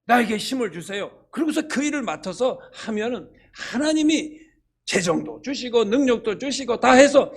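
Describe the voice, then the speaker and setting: An older man preaches with a high, husky voice. He tells stories animatedly and slips into quoted voices to act out dialogue. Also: animated, moderate pace. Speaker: church elder preaching. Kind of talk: sermon.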